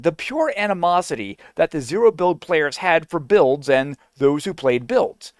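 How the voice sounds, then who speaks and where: A man's voice: on the high side, no echo, clean studio sound. A man giving an indignant, argumentative reaction commentary, now and then mocking others in a sing-song voice.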